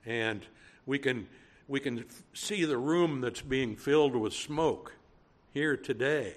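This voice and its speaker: A man with a Cajun accent preaching a sermon, teaching in a measured way and driving points home through repetition. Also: mid-range voice, a bit bright. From Louisiana.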